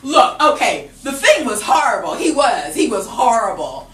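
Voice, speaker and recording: A woman telling a comic story live, laughing through it and going shrill when she quotes herself. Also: big pitch swings, moderate pace. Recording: roomy, distant mic with noise.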